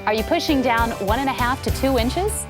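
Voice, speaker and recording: A woman giving scripted CPR instruction, calm and clear, coaching step by step. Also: a little high, brisk, over music.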